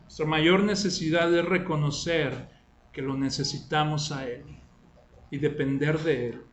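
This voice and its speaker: High-voiced preacher. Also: male voice, steady tone, measured pace, roomy sound. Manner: conversational, asks listeners rhetorical questions. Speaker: pastor. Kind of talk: sermon.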